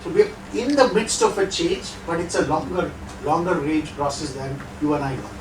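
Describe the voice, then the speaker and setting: A middle-aged Indian guest lecturer with an Indian English accent, whose first language isn't Hindi, speaks expressively at normal speed, a bit higher-pitched than most men. Seated back from a distant mic in an echoey hall, he sounds thin amid a noisy background. He keeps his talk conversational and throws rhetorical checks to the audience.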